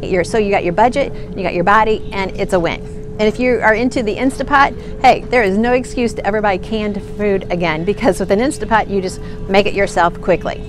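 A woman's voice: mid-range voice, brisk, music in the background. A middle-aged woman hosting a nutrition video, talking earnestly and encouragingly to the camera in a grocery store aisle. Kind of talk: casual to-camera nutrition tip.

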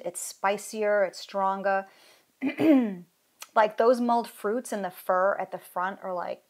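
A woman in her thirties chats excitedly at a close desk camera in a small craft room. Her talk gushes and trails through plenty of "like"s as she reacts. Her voice sits at an ordinary middle pitch. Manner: excited, gushing, chatty with many "like"s. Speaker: candle maker reviewing fragrance oils. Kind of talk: casual product review. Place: indoor craft room with pegboard wall.

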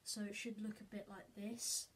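A woman's voice: mid-range voice, little pitch movement, normal speed, background noise. Rambling casual female vlogger in her bedroom. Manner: rambling, full of "basically" and "like" fillers. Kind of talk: casual how-to vlog. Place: bedroom, indoors. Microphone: camera mic set on the bed.

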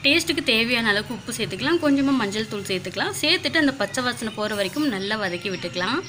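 A woman's voice: fairly high pitch, lively intonation, rapid-fire, over loud music. A woman, narrating a casual home vlog in a chatty way, full of filler words. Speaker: vlogger.

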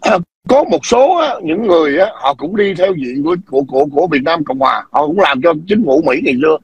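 A man hosting a livestream, ranting and scolding his viewers in a combative tone, often clearing his throat and demanding whether they understand. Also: fairly high pitch, lively intonation, brisk, no room sound, highs cut off. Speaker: livestream host.

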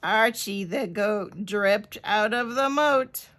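A woman librarian reading a picture book aloud in a slow, expressive storytelling manner. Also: medium pitch.

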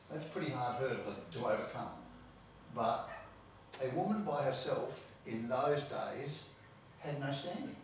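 An Australian-accented pastor preaches a sermon in church, stressing points and repeating words as he builds them. His voice is mid-range with a little hiss or hum, and the distant mic picks up a very echoey hall.

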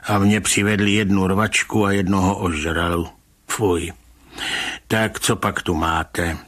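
A man reading a story aloud, voicing a gruff, weary police commissioner who speaks dryly and calmly. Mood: grumbling. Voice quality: grumbling, dry, low. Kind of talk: audiobook reading of a short story.

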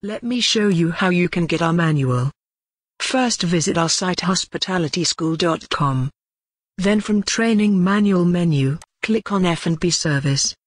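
A woman narrating a scripted promotional voice-over for a training manual, reading out a list of selling points in a steady pitch. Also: measured pace, dry recording.

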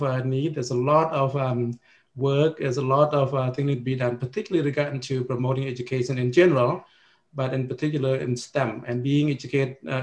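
A man's voice: mid-range voice, a little mellow. A man, introducing himself as a panelist on a video call in an earnest way, with many fillers and restarts. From Cambodia. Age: 50s. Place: indoors with a virtual background.

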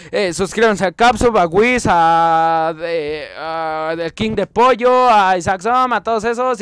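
A man with a Mexican accent giving casual gameplay commentary, chatty and excitable, often breaking into yells and exclamations. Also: high-pitched, clear, resonant tone, no echo. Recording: loud game gunfire under voice.

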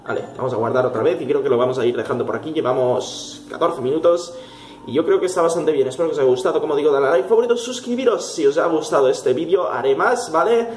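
A man's voice: on the high side, fast, darkish tone. A young man with a Spain Spanish accent giving jokey let's play commentary on a horror game, swearing and easily startled. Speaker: gaming youtuber. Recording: echoey room with faint noise.

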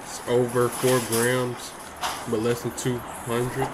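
A young man with a medium-pitched voice speaks slowly and completely flatly into a headset mic from his bedroom streaming setup, heavy background noise behind him. He reacts to a video with joking, slangy commentary, calling viewers "bro."

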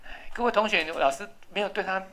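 A woman's voice: mid-range voice, fast talker, fairly bright tone. A woman English teacher, leading a classroom lesson and patiently drilling spelling and pronunciation.

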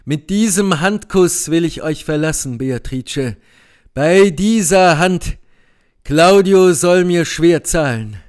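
A man's voice: fairly high pitch, takes it slowly, smooth, pitched above the performer's own voice. A man voicing Benedikt, earnest young nobleman. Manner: earnest, vowing declarations. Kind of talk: audiobook character reading.

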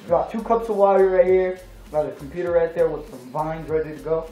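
Mellow young man, quick and offhand. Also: fairly high pitch. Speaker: guest co-host. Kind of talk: casual challenge vlog chat. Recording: roomy echo, faint music.

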